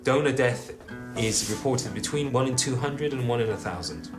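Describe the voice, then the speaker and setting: A man's voice: mid-range voice, moderate pace, over music. A man, a pathologist, asking matter-of-fact questions in a clinical consultation.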